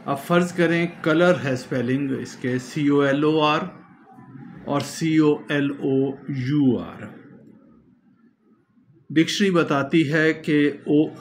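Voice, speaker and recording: Male teacher, slightly high voice, very slow and deliberate delivery, faint noise behind. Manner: slow, explanatory, spells words out letter by letter. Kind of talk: classroom lecture.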